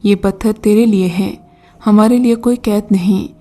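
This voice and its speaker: Storybook jinn: old male, taunting and commanding, read by a woman, warm tone, soft music bed. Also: mid-range voice, fairly even intonation, close to an everyday voice. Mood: mocking.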